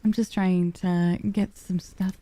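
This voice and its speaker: Mellow, low-voiced woman chatting on a livestream. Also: little pitch movement, slow pace, no room sound. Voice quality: soft, cozy storybook voice. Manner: affectionate, calls listeners pet names. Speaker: livestreamer, VTuber. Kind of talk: casual livestream chat with viewers.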